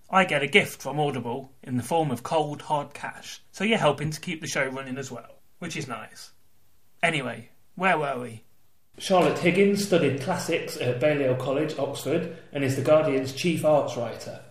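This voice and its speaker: A man's voice: fairly high pitch, fairly bright tone. A man hosting a podcast, chatty and wry in an informal way. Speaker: podcast host. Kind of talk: conversational podcast interview with ad read.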